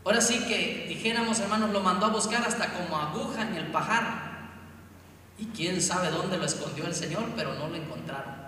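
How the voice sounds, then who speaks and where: A man preaching with a Chiapas Mexican accent, telling a Bible story in a lively way and often calling the listeners brothers. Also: high-pitched, a little fast. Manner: storytelling, addresses listeners as hermanos. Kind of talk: sermon. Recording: echoey hall, distant mic, faint noise.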